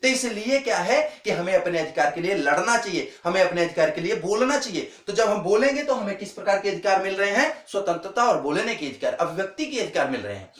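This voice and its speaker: A male teacher with a high voice gives an earnest exam-prep lecture. He repeats the key points and keeps calling his viewers friends. The sound is echoey, as if he were recorded in a bare room. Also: sing-song, fast, few pauses, fairly bright tone.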